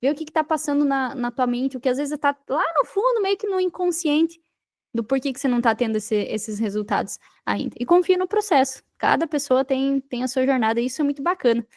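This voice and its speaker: Her voice high, animated, and a bit quick, a Brazilian woman who works in digital marketing delivers a motivational message on a podcast. She hammers her points home through repetition and talks directly to the audience; the studio recording is clean and echo-free.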